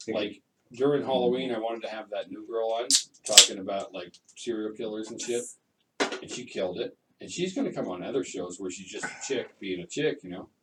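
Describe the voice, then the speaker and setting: A man's voice: on the low side, a little fast, distant mic, very noisy. A man hosting a comedy podcast, talking loosely and jokingly in a rambling way. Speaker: podcast host. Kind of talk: casual comedy chat.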